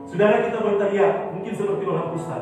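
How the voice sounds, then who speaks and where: A pastor delivers a fast-paced sermon in a high, animated voice, swinging between ringing cries and quiet murmurs. He's captured from a distance in a booming, reverberant church hall, with soft music playing behind him.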